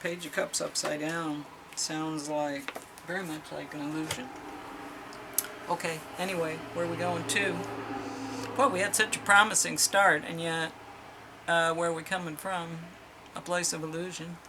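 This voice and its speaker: A woman's voice: low-pitched, level tone, normal speed, background noise. A middle-aged woman doing a casual tarot reading, chatty and exclamatory as she reads card meanings aloud. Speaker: tarot reader.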